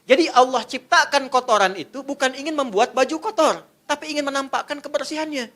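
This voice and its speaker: A man's voice: very high-pitched, fairly quick, fairly bright tone. A middle-aged man preaching a sermon, joking and quizzing his audience as he goes.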